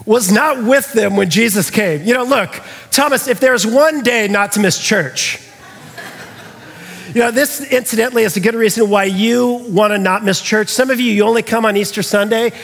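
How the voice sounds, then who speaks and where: Guy pastor giving an easter sermon, kinda high voice, chatty asides, big church echo. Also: creaky, fairly bright tone. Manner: conversational, with chuckling asides and slowed scripture reading. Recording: long hall reverb.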